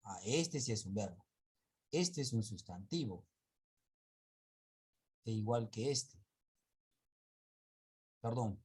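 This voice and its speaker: A man's voice: lowish voice, expressive, a little mellow, slightly rough. A male teacher giving an online class, patiently drawing out example words and often correcting himself and checking in with students. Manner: patient, drawn-out word examples.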